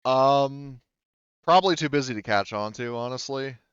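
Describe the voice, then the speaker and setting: Running a tabletop game as game master, a man speaks in a smooth, clear, lowish voice at normal speed. His explanations are casual, hedging and conversational, captured dry on a slightly muffled mic with no room sound.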